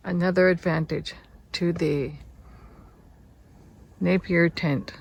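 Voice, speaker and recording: A woman's voice: fairly low pitch, steady tone, slow pace, creaky, husky. An older woman chatting and narrating her camping trip at an outdoor campsite, telling stories as she goes. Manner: chatty, storytelling. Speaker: camping vlog host. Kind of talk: casual chat and narration.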